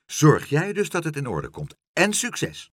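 A man doing a calm, sly doctor. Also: fairly high pitch, measured pace, slightly rough, no echo, voice pushed up, heavily acted. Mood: brisk. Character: kindly, calm, clever male doctor.

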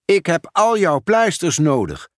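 A man's voice: sits high, very animated, a little slow, dry recording, clean studio sound, voice pushed up. A man voicing a cheerful, helpful village postman in a storybook reading.

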